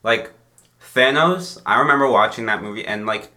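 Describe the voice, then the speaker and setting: A man's voice: lowish voice, moderate pace, pushed and bright. A young man co-hosting a casual podcast chat, laid-back, chiming in with agreement and dry jokes. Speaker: podcast co-host.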